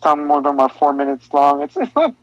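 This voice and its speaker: Man, podcast co-host, higher-pitched and eager, dry and dull lo-fi sound. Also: sing-song, a little fast, no room sound. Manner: enthusiastic, rambling with restarts. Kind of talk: casual music discussion.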